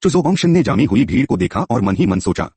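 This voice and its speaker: A man tells a story aloud in a scripted, storybook manner, reading the characters' lines himself. His voice is husky and breathy, and his pitch moves a lot. The recording is dry and close, with no room sound. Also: big pitch swings, brisk, darkish tone, dry recording. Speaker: narrator.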